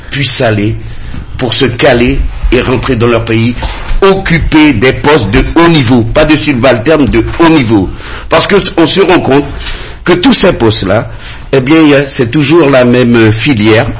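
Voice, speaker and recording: With slight background noise behind him, a mid-range male voice comes from a radio studio campaign debate. The speaker, a candidate from French Guiana, is emphatic and insistent, repeating phrases to make his arguments stick.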